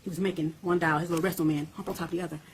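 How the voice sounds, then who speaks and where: In an interview captured on poor audio with a little hiss or hum, a woman speaks very fast in a fairly low voice with a steady tone. Blunt, intense, and profane, she lets her voice rise as she gets worked up recounting things.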